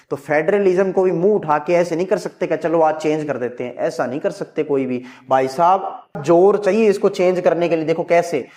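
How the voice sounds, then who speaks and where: A man's voice: high voice, a little mellow. A man teaching a civics lesson, asking questions and answering them himself as students would, and often checking that the class has understood. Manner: asks and answers his own questions, quoting students as "sir". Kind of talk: exam-prep lesson.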